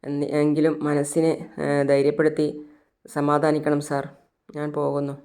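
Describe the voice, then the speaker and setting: Somber male messenger in a told story, read by a woman narrator, deep, flat delivery. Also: moderate pace, clear, resonant tone, natural voice. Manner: low, even reading voice. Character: somber man bringing sad news.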